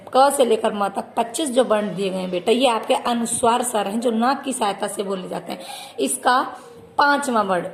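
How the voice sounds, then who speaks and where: A woman's voice: a little high, slight background noise. A woman teaching a children's Hindi grammar lesson, patiently repeating terms and addressing her pupils fondly. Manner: patient, repeats terms and calls listeners "beta".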